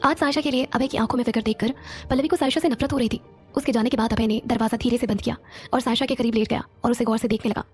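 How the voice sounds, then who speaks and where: A woman narrating a romantic audio series in a steady storytelling manner. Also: fairly high pitch, quick pace, husky, soft background music.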